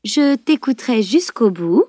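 A woman reading the voice of a spirited, bossy teenage girl in an audiobook, brisk and commanding. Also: fairly high pitch, darkish tone, no room sound, clean studio sound, lightly acted. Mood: firm.

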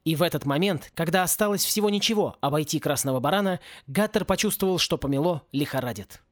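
A man reading a satirical fantasy audiobook in an expressive, lightly ironic narration. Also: on the high side, fast talker, no echo, studio quality. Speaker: audiobook reader.

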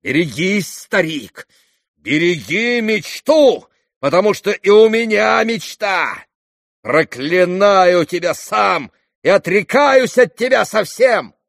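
A man's voice: sits high, animated, takes it slowly, vocal fry, fairly bright tone, no room sound, studio quality, voice pushed up, heavily acted. A male reader voicing a wild, passionate young man who pants and declares fiercely. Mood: cursing.

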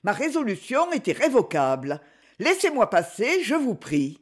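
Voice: mid-range voice, huge pitch swings, normal speed, pitched above the performer's own voice. A narrator voicing a proud young woman who answers with firm, scornful defiance.

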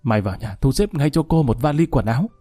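An aging henchman in a hurry, his voice mellow and low-key but pressing and pleading, as a male storyteller reads him. The sound is dry and close, with faint music behind. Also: expressive, fast, no echo, lightly acted. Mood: urgent. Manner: urgent, pleading. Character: older man, urgent and panicked henchman.

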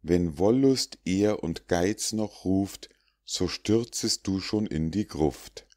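A man narrating an audiobook of rhymed fables in a measured, rhythmic reading. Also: low voice, dark tone.

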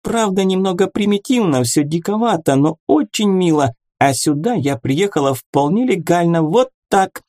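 A man reading an audiobook and voicing a chattering, cheeky female fairy who talks fast and excitably. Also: no room sound, clean studio sound. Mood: excited chatter. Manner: rapid, excitable, squeaky.

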